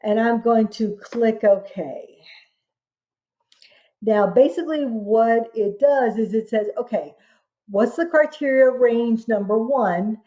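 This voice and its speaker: A woman instructor narrating a software tutorial step by step, dictating what gets typed piece by piece. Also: a little high, slow pace, lo-fi sound.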